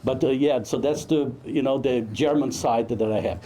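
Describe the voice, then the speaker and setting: A man from Brazil, a film director giving a humorous, anecdotal talk at a networking event, halting often with fillers. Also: medium pitch, warm tone.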